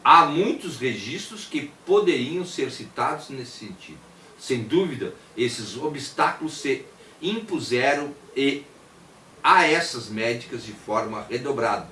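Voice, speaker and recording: A man's voice: mid-range voice, a bit bright. A Brazilian man reading a prepared text aloud in a formal manner, stumbling at times and voicing punctuation as if dictating. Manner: formal, stumbles and rereads words; voices quotation marks aloud like dictation. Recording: echoey, distant mic, faint background noise.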